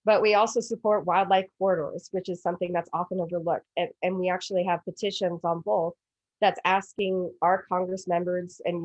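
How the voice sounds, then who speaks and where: A woman's voice: lowish voice, darkish tone. A woman guest presenter giving informal answers at an online event, hesitant as she searches for words. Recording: roomy, dull online call audio.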